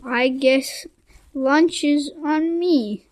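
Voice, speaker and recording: A formal, pompous school principal speaks slowly and with ceremony, as a woman reading the storybook lends him her own high voice. He stays measured and unhurried. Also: a little mellow.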